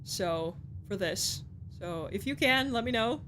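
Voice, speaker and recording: Slow-talking exasperated woman streamer. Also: mid-range voice, animated, fairly bright tone, slight background noise. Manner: frustrated, swearing, pleading with the game. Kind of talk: live game commentary.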